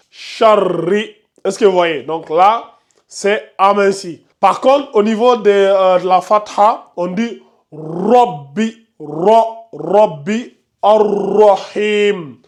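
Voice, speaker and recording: A man teaching Quran recitation rules in a slow explanatory lesson, repeating each rule and often checking that listeners follow. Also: high voice. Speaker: tajwid teacher.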